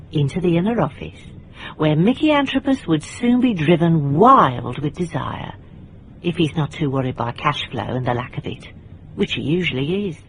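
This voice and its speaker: In radio drama dialogue and noir narration, an actress voices a blunt, dryly wry British private detective of middle age. Her female voice is fairly low in pitch, and the poor-quality audio carries slight background noise.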